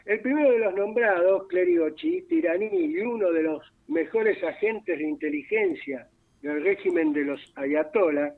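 A man with an Argentine accent, a radio columnist reading a formal, dense prepared column in a measured way. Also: high-pitched, expressive. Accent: Argentine Spanish. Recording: tinny phone line.

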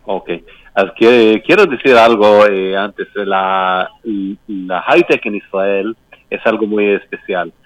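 A man who is not a native Spanish speaker, with a foreign accent, answering interview questions haltingly and searching for words. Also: fairly low pitch, no echo, rough recording. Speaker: embassy political adviser being interviewed.

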